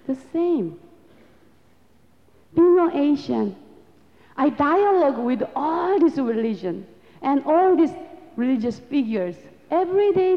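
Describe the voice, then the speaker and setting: In a hall with long reverb and a dull sound, a Korean-accented woman addresses an audience in a lecture. She uses non-native English in an earnest, reflective way, and her somewhat high voice moves at a slow, deliberate pace.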